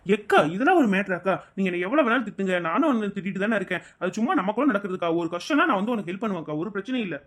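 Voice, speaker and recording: A woman's voice: mid-range voice, expressive, rapid-fire. A woman voicing a teasing village woman in a cartoon and hosting the channel. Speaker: cartoon voice actor and channel host. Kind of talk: cartoon voice acting.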